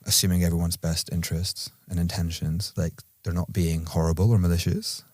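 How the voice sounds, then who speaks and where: This Scottish man speaks with an Edinburgh accent and a low pitch in a relaxed podcast chat. He is playfully dry and teasing at times, measured and thoughtful at others, and the close, dry recording has no echo or sense of a room.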